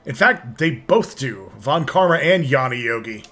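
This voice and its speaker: A man's voice: mid-range voice, expressive, normal speed, bright, forceful tone. A man chatting casually as he streams a game and reads its dialogue aloud. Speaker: streamer voicing game characters.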